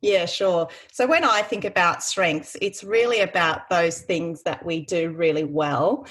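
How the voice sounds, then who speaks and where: Woman coach on a podcast, husky voice, upbeat and smiley, explains stuff. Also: fairly low pitch, a little slow, fairly bright tone. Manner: enthusiastic, smiling, explanatory. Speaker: career and strengths coach. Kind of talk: podcast interview.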